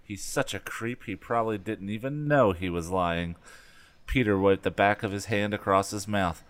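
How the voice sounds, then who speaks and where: A man co-hosting a podcast, reading a book aloud with deadpan remarks. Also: fairly low pitch, moderate pace. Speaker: podcast co-host. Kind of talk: casual chat and reading aloud.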